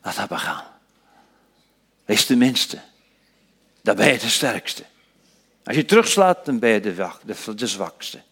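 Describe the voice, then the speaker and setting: A man preaching a sermon, dropping to hushed whispers and rising to loud, emphatic passages, slowing down to stress key phrases. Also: on the low side, big pitch swings, husky. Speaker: pastor.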